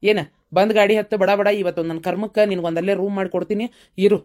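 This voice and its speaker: A woman's voice: medium pitch, steady tone, fast talker, darkish tone, natural voice. A woman voicing a stern, scornful elder brother in a cartoon, speaking with a North Karnataka accent and lecturing curtly. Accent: North Karnataka Kannada. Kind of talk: cartoon voice acting.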